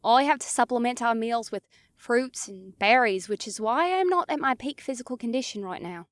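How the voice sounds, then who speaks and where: A woman's voice: fairly high pitch, expressive, moderate pace, no echo, clean studio sound, lightly acted. A woman voicing a tired, serious feline alien warrior who speaks formally in an audiobook. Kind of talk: audiobook character voice.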